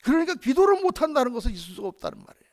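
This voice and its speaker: A man's voice: extremely high pitch, sing-song, racing, darkish tone. A man preaching a sermon as pastor of a church, in a conversational style that acts out short prayers.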